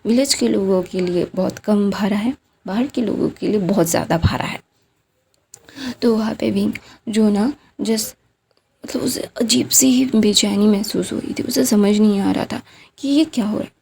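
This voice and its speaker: A woman's voice: medium pitch, normal speed, vocal fry, dark tone, slight background noise. A woman casually retelling a fan story, chatty and loose, with lots of fillers, sometimes dropping to a near-whisper.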